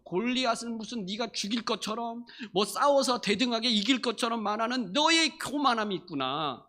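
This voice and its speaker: Brief: scornful older brother, dismissive and rebuking, put on by a lively preacher. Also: medium pitch. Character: scolding older brother, proud and dismissive man.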